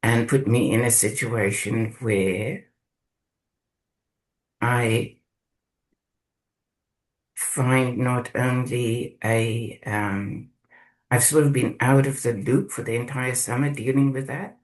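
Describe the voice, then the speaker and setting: A man from South Africa sharing his experience in a group video call, speaking slowly and haltingly as he searches for words. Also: mid-range voice, steady tone, low-quality recording. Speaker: course participant.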